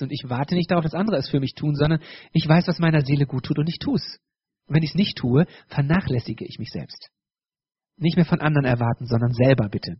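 A man preaching a sermon, his voice sitting a touch high with a husky edge. He talks directly to his congregation and often breaks off and restarts. The sound is dry and somewhat dull. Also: no room sound. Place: church.

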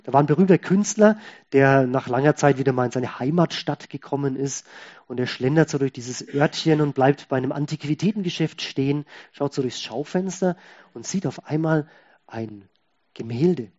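A man preaching a sermon, moving between quiet asides and loud, emphatic lines and acting out the voices he quotes. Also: medium pitch, normal speed, dull audio.

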